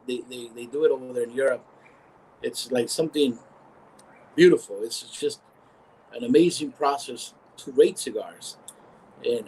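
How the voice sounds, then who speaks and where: Company founder, male, mid-pitched, lively storyteller who restarts phrases; video-call sound with faint hiss. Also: rough recording. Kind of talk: casual storytelling in a live interview.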